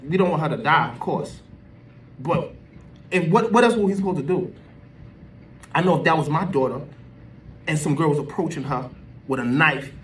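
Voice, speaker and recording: An American social media commentator rants unscripted to camera, giving his opinion in an emphatic, colloquial, repetitive way. His voice is high and a bit bright, and he sounds distant from the mic.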